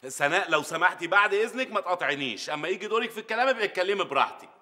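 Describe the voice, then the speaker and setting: A man's voice: high voice, animated, racing, full character voice. An actor playing a harried middle-aged father, sarcastic and exasperated, in a sitcom. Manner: exasperated, sarcastic, rises to shouting rants. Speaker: sitcom lead. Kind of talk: sitcom acting.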